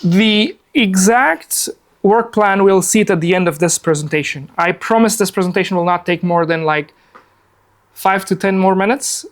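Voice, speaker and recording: A high-pitched man from Afghanistan, in his forties, runs an informal live workshop from a laptop in a meeting room. He's talkative and upbeat, leaning on lots of fillers, and a camera across the room captures him.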